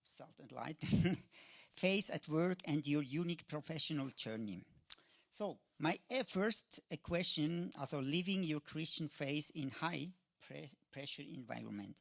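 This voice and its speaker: Gravelly halting man asking questions. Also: fairly high pitch, no echo, studio quality. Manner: halting, searching for words. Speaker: host, interviewer. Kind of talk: interview questions.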